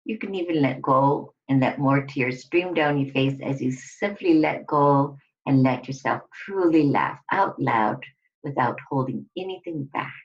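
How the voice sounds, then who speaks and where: In a dull lo-fi recording, a woman with a rumbling low voice guides a scripted relaxation exercise. She instructs deliberately, pausing between short phrases.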